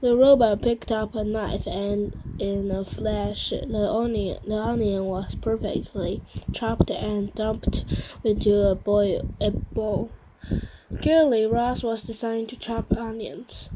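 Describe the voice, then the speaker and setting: A woman's voice: medium pitch, fairly even intonation, background noise. A woman reading a children's novel aloud, stumbling and restarting on harder words. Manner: slow, halting reading with frequent restarts on hard words. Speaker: reader.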